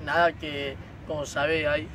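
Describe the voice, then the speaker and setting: A teenage boy plays a stiff, formal sports official on a prank call, stumbling over fillers. His fairly high voice sounds distant, caught by a far camera in a park. Clear outdoor noise runs underneath. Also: little pitch movement, a little slow. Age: teens. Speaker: prank caller. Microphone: phone on speaker, far camera.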